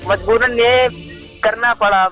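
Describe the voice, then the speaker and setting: A man with a very high voice takes it slowly in a casual phone discussion, keeping his intonation fairly even. As an activist caller he stays deferential yet insistent and repeats himself often, with music playing behind the live call recording.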